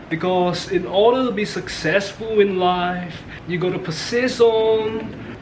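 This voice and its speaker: A man's voice: high-pitched, a little mellow, a little hiss or hum, low-quality recording. A young man chatting casually in a cooking vlog, joking with viewers while he whisks, tired and a little out of breath. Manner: playful, jokey, talks to viewers while whisking. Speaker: vlogger.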